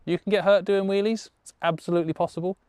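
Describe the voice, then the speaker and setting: A man's voice: sits high, steady tone, fast talker, darkish tone, smooth, no room sound, pitched above the performer's own voice, lightly acted. Grumpy old man lecturing about risks, as a male host puts it on, dry close sound. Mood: grumbling. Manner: grumbling, cautionary lecturing. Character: grumpy old man giving safety warnings.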